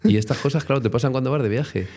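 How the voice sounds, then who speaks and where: A man's voice: medium pitch, rapid-fire, a little mellow, slight background noise. A man with a Spain Spanish accent, a guest telling travel stories in a chatty, rambling way full of tag questions. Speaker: interview guest. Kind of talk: casual storytelling interview.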